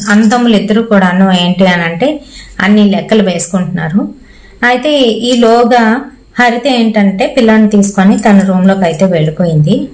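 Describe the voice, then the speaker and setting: A woman's voice: medium pitch, a little mellow, rough recording. A woman with a Telugu accent telling a ghost story in a casual, conversational way. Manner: conversational, acts out quoted lines in her own voice. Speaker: horror story narrator.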